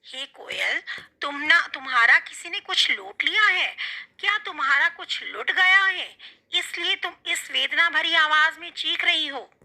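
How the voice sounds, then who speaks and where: A woman's voice: sits high, expressive, unhurried, pushed and bright, low-quality recording. A woman teacher patiently explaining a poem line by line to her pupils. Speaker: Hindi teacher.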